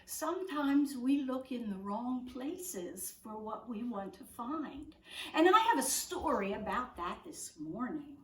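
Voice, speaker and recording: A woman pastor telling a children's Bible story in a gentle, unhurried way, recorded in a church with the mic far off. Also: on the high side, very animated. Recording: echoey room, mic far off.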